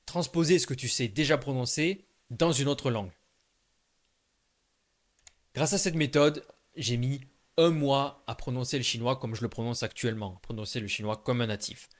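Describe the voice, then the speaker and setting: A man talks straight to the camera in a relaxed video lesson, repeating short sounds slowly so the listener can copy them. His tone is informal and encouraging, addressing the viewer one to one. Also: medium pitch. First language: French. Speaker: Chinese language teacher.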